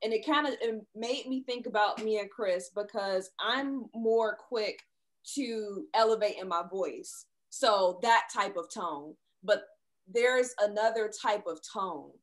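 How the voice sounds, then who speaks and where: A woman's voice: medium pitch, measured pace. A married woman in a relationship talk show, telling her story in a reflective way. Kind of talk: casual chat.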